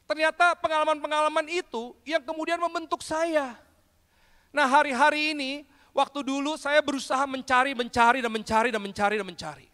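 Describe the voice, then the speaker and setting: A man preaching a testimony sermon, telling his story in a lively storytelling way and often addressing listeners directly. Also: very high voice, brisk. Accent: Indonesian. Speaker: pastor. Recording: long hall reverb.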